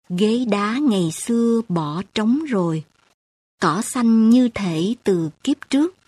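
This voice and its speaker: A woman narrating an audiobook with poetry, reading in a slow, lyrical, emotional way. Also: medium pitch, dark tone, no room sound.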